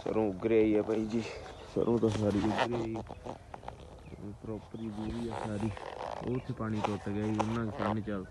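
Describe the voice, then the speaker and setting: Low-voiced Punjabi man vlogging outdoors. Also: flat delivery, normal speed. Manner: informal rustic talk, repeatedly greeting and addressing viewers as brothers. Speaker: farm and pigeon vlogger. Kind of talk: casual chatty outdoor vlog, addressing viewers as friends. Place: outdoors on a farm. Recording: noisy outdoor rural ambience, birds and animals.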